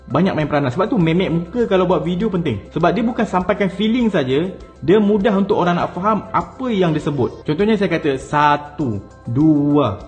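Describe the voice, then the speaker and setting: A man with a Malaysian Malay accent talks through on-camera tips in a casual, step-by-step way. His voice sits a little high for a man. Soft music plays faintly underneath. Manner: easygoing, explains step by step with spoken demonstrations. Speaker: content creation coach. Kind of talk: casual instructional talk to camera.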